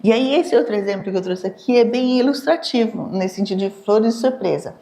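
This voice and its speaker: A woman with a Brazilian accent gives a live neuroscience lecture, explaining in a lively way and acting out everyday conversations in quoted voices. Her voice is mid-range and she speaks fairly quickly.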